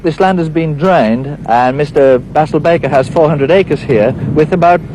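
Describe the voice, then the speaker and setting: A man's voice: fairly high pitch, normal speed, a little mellow, poor audio. A man working as a reporter, narrating and interviewing on location for a regional documentary. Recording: 1970s location recording with background noise.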